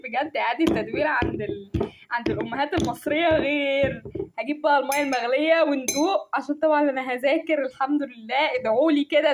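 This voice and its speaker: A young woman with an Egyptian Arabic accent, chatting casually to her viewers while making coffee, self-mocking and excitable. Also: sits high. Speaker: vlogger. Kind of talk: casual chat to camera.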